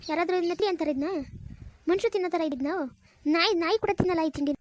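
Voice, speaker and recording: A woman's voice: extremely high pitch, racing. Woman voicing a bossy scolding mother-in-law. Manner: scolding, nagging.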